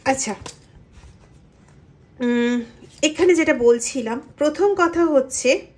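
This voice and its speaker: A woman with a high voice leads a general tarot reading for her viewers. She explains the cards in an animated way, her pitch jumping up on the points she stresses. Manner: chants mantras softly and slowly. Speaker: tarot reader.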